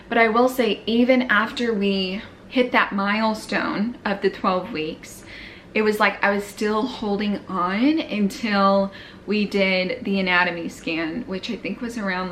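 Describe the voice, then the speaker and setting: A woman's voice: mid-range voice, a bit bright, slight background noise. Chatty, slightly breathless young woman. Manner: chatty, filler-heavy, frequent "like". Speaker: vlogger. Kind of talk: casual personal recap.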